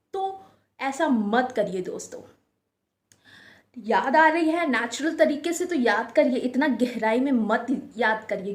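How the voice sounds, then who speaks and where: Woman, high voice, spiritual advice talk, coaxing and repetitive, echoey room. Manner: repetitive, coaxing, addresses listeners as friends. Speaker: spiritual guidance speaker.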